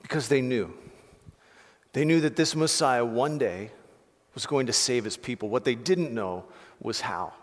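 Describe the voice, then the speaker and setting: A man preaching a sermon as pastor, passionate and conversational, with quick restarts and casual asides. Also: medium pitch, expressive. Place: church hall. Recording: reverberant hall.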